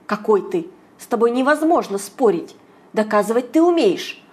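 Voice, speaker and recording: A woman's voice: a little high, expressive, normal speed, a little mellow, natural voice. A woman voicing a discontented young mother who talks reproachfully. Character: discontented young mother complaining about housing.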